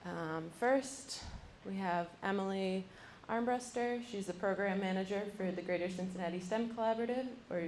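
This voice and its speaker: A young adult woman moderates a university panel in a lecture room, introducing each speaker with frequent ums. Her medium-pitched, darkish voice moves at a moderate pace with hardly any pauses. A distant mic gives a roomy sound with slight background noise.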